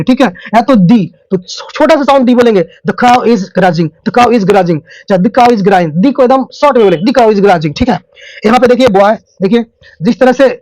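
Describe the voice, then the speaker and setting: High-voiced Hindi-accented man teaching grammar. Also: darkish tone, dry recording, rough recording. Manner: repeats rhetorical questions and answers them himself; slow, drawn-out English example sentences. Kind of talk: classroom-style grammar lesson.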